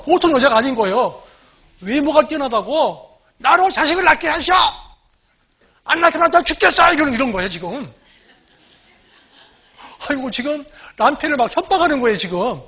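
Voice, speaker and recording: Husky high-voiced man preaching. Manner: conversational preaching, frequent "그죠?" asides to the congregation; slow deliberate scripture reading. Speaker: pastor. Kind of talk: sermon. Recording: dull lo-fi recording.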